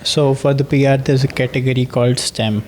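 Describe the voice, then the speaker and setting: A man's voice: medium pitch, steady tone, a little fast, a little mellow, a little hiss or hum. A young man guest on a podcast, telling his story plainly and earnestly. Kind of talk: casual interview chat.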